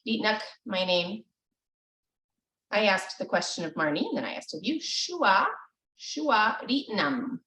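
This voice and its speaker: A woman teaching a language lesson over a video call, patient and encouraging, often pausing with ums. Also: mid-range voice, expressive, a bit bright, a little hiss or hum. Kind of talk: live online language lesson. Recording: echoey, distant video call audio.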